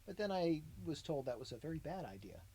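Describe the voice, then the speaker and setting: A man's voice: on the high side, sing-song, quick pace, warm tone, slightly rough, dry recording. A man from the US co-hosting a silly music podcast, teasing and wisecracking. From United States. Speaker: podcast co-host. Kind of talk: silly casual chat.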